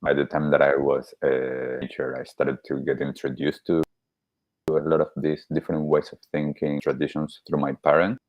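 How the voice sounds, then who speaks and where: A man in his thirties, born in Argentina, talking casually as a podcast guest, halting with many restarts. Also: very deep voice, level tone, dry recording, muffled recording. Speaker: podcast guest, wellbeing coach. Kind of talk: casual interview talk.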